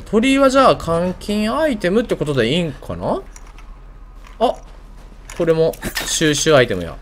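Kansai man with widely swinging pitch, gaming. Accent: Kansai Japanese. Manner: thinks aloud in short questions and mutters to himself. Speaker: video game streamer. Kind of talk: casual gameplay commentary.

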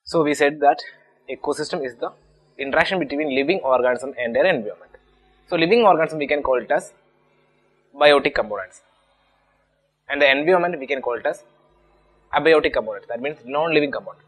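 A man's voice: a little high, brisk, long pauses, a bit bright, poor audio. A man with an Indian English accent teaching an exam-prep lesson, explaining patiently and restating each point step by step. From Kerala, India. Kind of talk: explanatory lecture.

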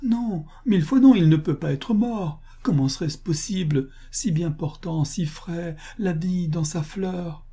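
A man's voice: on the high side, a little slow, hardly any pauses, warm tone, slightly rough, pitched above the performer's own voice. A man voicing Louisa, a weeping young bride. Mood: anguished. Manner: tearful, trembling, pleading. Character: grief-stricken young woman, sobbing bride. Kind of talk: audiobook character reading.

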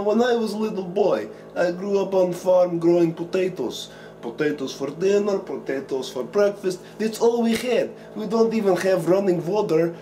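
A man's voice: high voice, dark tone, pitched above the performer's own voice, poor audio. A man doing a put-on Russian accent as a joking farm-boy cook while hosting a cooking tutorial, dropping articles and swearing casually. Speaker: cooking show host.

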